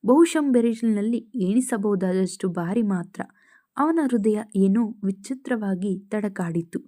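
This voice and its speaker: A woman telling a romantic audio story in steady, scripted narration. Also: mid-range voice, unhurried.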